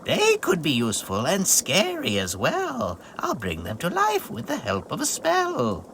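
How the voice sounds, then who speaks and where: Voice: mid-range voice, wildly swooping pitch, measured pace, gravelly, a bit bright, slight background noise, heavily acted. A performer voicing a wicked old witch from a children's storybook, irritable and bossy, snapping out scornful commands. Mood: scheming.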